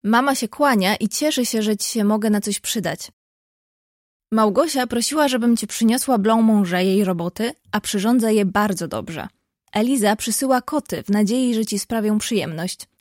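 A woman reading an audiobook, voicing a bold, kind-hearted teenage girl who talks frankly and briskly. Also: mid-range voice, no echo, clean studio sound, close to an everyday voice.

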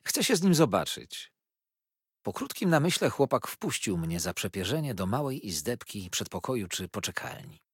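A man narrating a novel in a measured, storytelling reading. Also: on the low side, slightly rough, no room sound, clean studio sound. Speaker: audiobook narrator. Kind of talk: scripted literary narration.

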